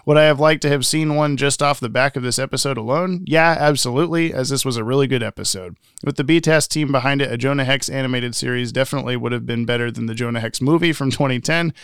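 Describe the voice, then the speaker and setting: A man's voice: medium pitch, quick pace, hardly any pauses, fairly bright tone, clear, resonant tone, dry recording, clean studio sound. A man co-hosting a podcast in a casual, playful way, reading out listener comments and laughing often. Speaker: podcast co-host.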